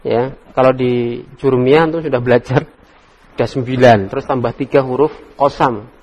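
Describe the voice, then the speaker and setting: A man teaching Arabic grammar in a casual classroom lesson, relaxed and joking as he coaxes students by name. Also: medium pitch, moderate pace, breathy edge, lo-fi sound. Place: study circle classroom.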